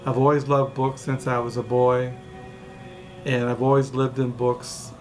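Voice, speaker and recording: A Californian man in his sixties, a book vlogger, rambles through a casual home vlog in his dining room, full of fillers and restarts. His mid-range voice barely moves in pitch and his pace is unhurried. The camera mic picks up faint music behind him.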